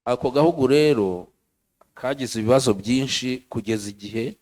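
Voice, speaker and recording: A man from Rwanda giving an earnest church testimony, speaking in short phrases and pausing so an interpreter can follow. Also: medium pitch, a little mellow. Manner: earnest, pauses for interpreter after each phrase.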